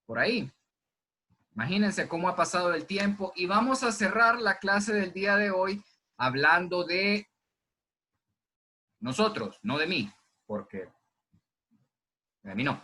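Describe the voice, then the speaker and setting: A man teaching a zoology class by video from home, talking to his students in a relaxed, conversational way and answering his own questions. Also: high voice, unhurried, pauses often. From Honduras. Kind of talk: recorded online class lecture. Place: indoors at home during heavy rain. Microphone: computer microphone.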